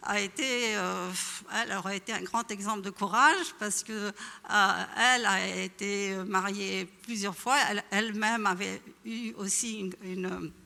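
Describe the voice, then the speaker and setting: A woman's voice: medium pitch, fairly even intonation, a little slow, gravelly, sharp tone. A woman from Iran speaking at a panel event, hesitant, with many fillers and restarts. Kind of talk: spontaneous public talk. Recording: echoey hall.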